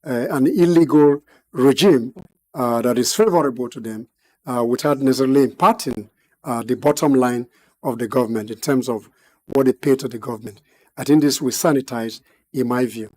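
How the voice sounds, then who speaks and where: Speaking as a guest analyst in a TV studio, a man delivers measured expert remarks in a mellow, dark, medium-pitched voice. He phrases things formally, often pausing to hesitate.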